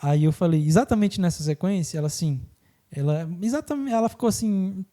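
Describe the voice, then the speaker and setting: High, warm-voiced podcast host. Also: male voice. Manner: animated, acts out quoted people in quick voices. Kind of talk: casual explanatory podcast talk.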